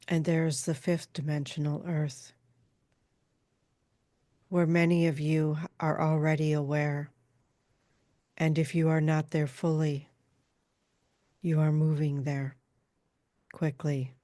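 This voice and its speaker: Woman channeling a slow, solemn spirit, seance-medium style. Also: low voice, little pitch movement, mellow, no echo, studio quality. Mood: solemn, measured. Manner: slow, measured, halting, formal pronouncements. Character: calm, solemn female channeled spirit named Alma.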